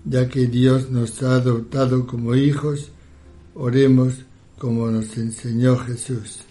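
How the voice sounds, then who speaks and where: A man leading a liturgical prayer in a solemn, measured recitation. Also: mid-range voice, flat delivery, warm tone, faint music behind.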